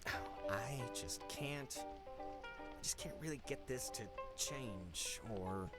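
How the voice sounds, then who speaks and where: Anxious, pleading teenage boy, lively pitch. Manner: halting, pleading, repeats himself. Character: anxious, hopeful teenage boy grieving his mother. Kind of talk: naturalistic video game dialogue. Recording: loud music behind the voice.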